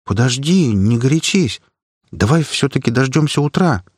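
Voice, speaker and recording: A man's voice: mid-range voice, lively intonation, normal speed, a little mellow, no room sound, clean studio sound, pitched above the performer's own voice, lightly acted. A man voicing Svetlana, a worried, sensible young woman student who reproaches and cautions the others. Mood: pleading.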